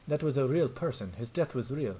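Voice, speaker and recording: A man voicing a calm, measured adult lieutenant in a detective video game, in a quiet, even reading voice. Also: mid-range voice, close to an everyday voice.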